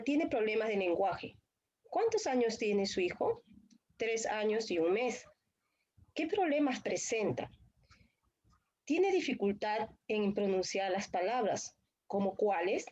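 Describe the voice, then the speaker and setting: A woman's voice: on the high side, darkish tone. A female student acting out a speech therapy consultation, hesitant with many fillers, over a video call. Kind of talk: clinical role-play practice.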